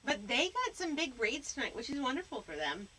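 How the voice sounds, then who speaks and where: Brief: woman stream host, teasing and loose, rambling with fillers, slightly high voice. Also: very animated, a little fast, sharp tone, a little hiss or hum, poor audio. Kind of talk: casual live-stream banter.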